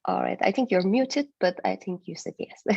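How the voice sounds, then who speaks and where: A woman's voice: medium pitch, moderate pace, creaky, darkish tone, dry recording. A woman from Turkey presenting her business on a video call, hesitant with many fillers. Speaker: guest speaker, agency founder. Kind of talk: online presentation with slides. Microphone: video call microphone. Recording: dull dry video call audio.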